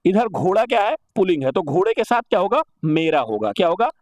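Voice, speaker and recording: A man with a high, animated voice teaches exam-prep grammar, pitch leaping up and down as he goes. He keeps asking "what is it?" and answering himself, then repeats each correct form. The sound is close and dry, with no room echo. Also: fast. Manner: asks rhetorical questions and answers them himself.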